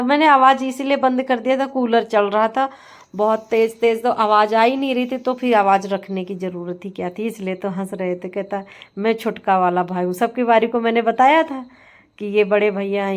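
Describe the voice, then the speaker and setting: A middle-aged woman vlogger chatting casually over her family video, laughing as she tells the story. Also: medium pitch.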